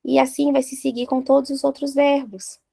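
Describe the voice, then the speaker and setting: Playful high-voiced Brazilian woman teaching. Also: little pitch movement, creaky, mellow, no room sound. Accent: Brazilian Portuguese. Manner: playful, jokey, drills conjugations slowly one by one. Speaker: English teacher. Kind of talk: online English grammar lesson.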